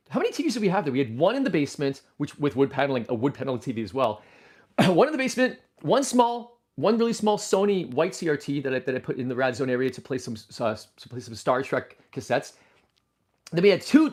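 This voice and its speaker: Excitable man hosting a livestream. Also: fairly high pitch. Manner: excitable, animated, breaks into loud exclamations; rambling with frequent restarts. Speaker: livestream host. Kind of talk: casual livestream chat.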